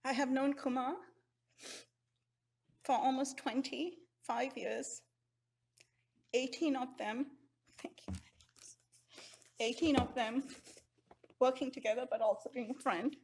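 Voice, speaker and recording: A middle-aged woman from Sri Lanka, giving an earnest, heartfelt memorial eulogy at a measured pace. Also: high-pitched, fairly even intonation, darkish tone, a little hiss or hum.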